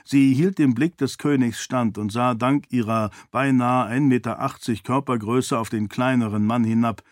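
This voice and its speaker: Male audiobook narrator, mid-pitched, steady and measured, dry studio sound. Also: no echo. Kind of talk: scripted fantasy narration.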